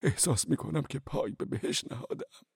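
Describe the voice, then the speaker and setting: A fervent fugitive monk in a storybook drama, played by a man, his husky voice leaping from ecstatic cries to fearful whispers. The recording is dry and close. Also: mid-range voice, animated, dry recording, exaggerated voice. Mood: whispering, awed. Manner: fervent, swinging between shouts and hushed whispers. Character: frantic fugitive monk, wild-eyed and fervent. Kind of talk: audiobook drama acting.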